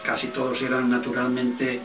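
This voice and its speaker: A man's voice: medium pitch, monotone, noisy background. Roomy, distant older man from Spain, reminiscing. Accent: Spanish, from Spain. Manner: halting, searching for words, repeats emphatic words. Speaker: film director being interviewed. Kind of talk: casual reminiscing anecdote. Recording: roomy, distant microphone, faint music.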